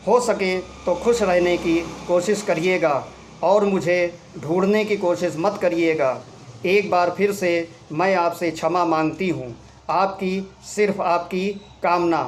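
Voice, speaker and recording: A heartbroken young wife saying a soft, apologetic goodbye in an audio story, voiced by a man. The delivery is slow and unhurried. A faint noise sits under the voice. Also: lowish voice. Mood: sorrowful. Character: young wife writing a sad farewell letter.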